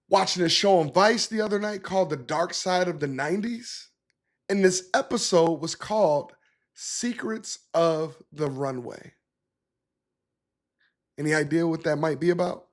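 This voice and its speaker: A man's voice: sits high, unhurried, long pauses. A man hosting a political commentary show, talking in an emphatic, conversational way and reacting to the clips he plays. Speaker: podcast host.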